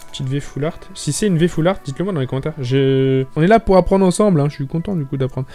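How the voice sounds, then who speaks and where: A young man with a French accent chatting excitedly to viewers, stumbling over his words as he opens card packs. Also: on the high side, fast, soft background music. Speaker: YouTuber opening card packs. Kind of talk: casual excited chat.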